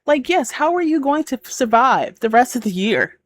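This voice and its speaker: A woman's voice: sits high, lively intonation, normal speed. A woman hosting a reaction video, chatting casually, exclaiming and laughing often as she reacts.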